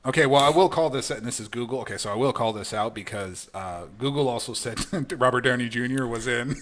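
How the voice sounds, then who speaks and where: A man's voice: medium pitch, brisk, a bit bright, slight background noise. A man co-hosting a podcast, giving frank, opinionated takes in casual chat with lots of restarts. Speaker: podcast co-host.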